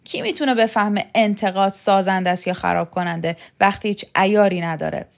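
A woman reading an audiobook, voicing a domineering, scornful woman who taunts and threatens loudly. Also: medium pitch, natural voice. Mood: scornful, furious. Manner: loud, sharp, taunting. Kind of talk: audiobook character voice.

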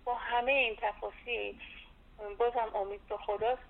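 A woman in her sixties, a patient's wife calling for advice, with a gravelly voice. She is agreeable and keeps affirming, heard over a landline phone line. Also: fairly high pitch, fairly even intonation. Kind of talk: phone consultation. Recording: tinny phone line with faint hiss.

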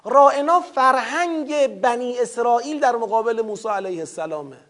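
A man with a strikingly high voice lectures on scripture. He recites verses in Arabic, then unpacks them with questions he answers himself. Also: animated, a bit bright. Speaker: Quran commentary teacher.

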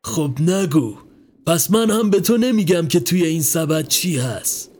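A man voicing a kindly older man who keeps a basket of rabbits, asking slow, teasing, coaxing questions. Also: on the high side, animated, darkish tone.

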